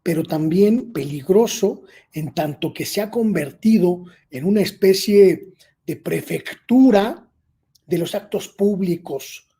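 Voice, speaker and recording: A man, a guest journalist giving measured, emphatic political commentary with filler pauses. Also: high voice, warm tone, husky. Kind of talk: political commentary in an online interview.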